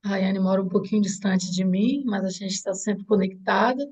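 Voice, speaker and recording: A woman's voice: medium pitch, normal speed, darkish tone, rough recording. A middle-aged woman with a Brazilian Portuguese accent, talking earnestly and reflectively as a mother being interviewed, often restarting her sentences. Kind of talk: heartfelt conversation.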